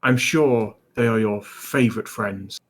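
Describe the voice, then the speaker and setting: A man's voice: on the low side, measured pace. A man plays a mustache-twirling villain in a tabletop fantasy game. He is a pompous, charismatic barbarian ruler. His voice crackles in the throat as he grandly proclaims himself. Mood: boastful.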